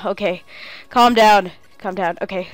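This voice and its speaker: A woman commentating her own game play, excitable and talking to herself, with cheering outbursts. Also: mid-range voice, unhurried, dry recording. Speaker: gamer playing a game on video.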